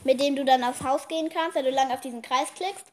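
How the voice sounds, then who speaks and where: Bossy chatty high-voiced girl podcaster. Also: fairly even intonation, background noise. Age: child, about 10 to 11. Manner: bossy older-sister tone, chatty and quick. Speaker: podcast host. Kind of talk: casual kids' podcast chat.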